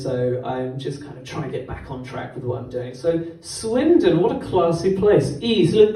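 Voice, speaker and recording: A young man performs stand-up on a comedy club stage, talking in a rambling, self-mocking way that keeps tripping over itself. His voice is dark and mellow but sits a little high. The mic picks him up from some distance in an echoey room. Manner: rambling, self-deprecating, stumbling delivery. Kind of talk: stand-up set. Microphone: handheld microphone. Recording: roomy club sound from a distance.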